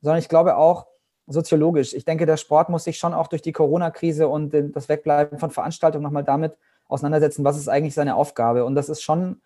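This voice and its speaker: A middle-aged man holds forth in an interview, his voice mellow and dark. His pitch stays fairly even, and he circles his points with restarts and fillers as he thinks aloud. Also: fast. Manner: reflective, many restarts and fillers. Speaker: guest, sports marketing agency head. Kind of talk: interview answer.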